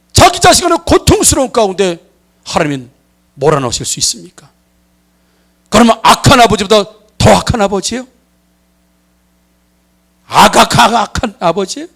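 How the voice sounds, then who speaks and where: High, lively Korean pastor preaching. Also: male voice. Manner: dramatic, acting out quoted voices with sudden loud and soft swings. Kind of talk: sermon.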